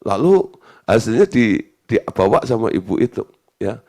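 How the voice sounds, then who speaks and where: A man's voice: lowish voice, very animated, moderate pace, vocal fry, dark tone. A male pastor giving a sermon in a chatty, storytelling way, laughing now and then. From Indonesia.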